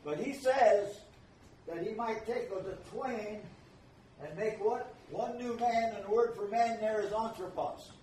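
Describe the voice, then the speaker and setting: A man's voice: sits high, a little slow, darkish tone, slight background noise. An older man preaching a sermon, emphatic and repeating his key phrases. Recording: echoey room, voice from far off.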